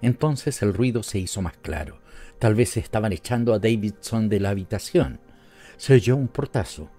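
A man with a Latin American Spanish accent narrates a story in a low, warm voice. His delivery is measured and even. Soft music plays faintly beneath the narration. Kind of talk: scripted audiobook narration.

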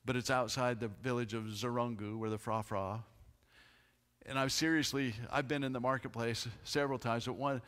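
A man's voice: medium pitch, normal speed. A middle-aged man giving church announcements in a chatty, laughing storytelling manner. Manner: chatty, animated storyteller who laughs often. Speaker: pastor. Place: church sanctuary. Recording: long hall reverb.

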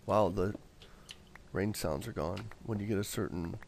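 A man, a father, chatting casually and upbeat on a voice call while leading his family through a video game, quick to joke. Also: lowish voice, gravelly, a little mellow, slight background noise. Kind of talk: casual gaming chat.

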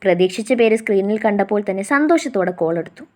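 A woman reading a first-person romantic story aloud in a soft storytelling way. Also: medium pitch, lively intonation, fast. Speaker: story narrator.

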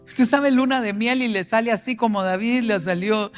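A man in his sixties preaching a sermon with passion, swinging between loud emphasis and near-whispered lines. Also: very high-pitched, normal speed, over music. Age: 60s.

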